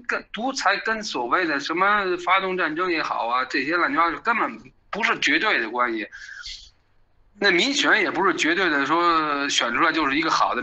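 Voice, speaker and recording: A man's voice: a little high, bright, forceful tone, muffled recording. A middle-aged man, arguing animatedly as an interview guest and often asking "you know?". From China. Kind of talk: casual opinionated chat.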